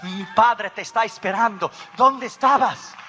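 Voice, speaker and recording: A man preaching, acting out a big male Russian army guard who speaks low and confidingly. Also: a little slow, sharp tone, in a large hall, slight background noise.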